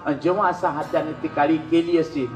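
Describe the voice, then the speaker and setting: Male kirtan storyteller, high-pitched, echoing hall with faint instruments. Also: steady tone, fairly quick, lo-fi sound, faint music behind. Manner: dramatic, emotional storytelling. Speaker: kirtan preacher.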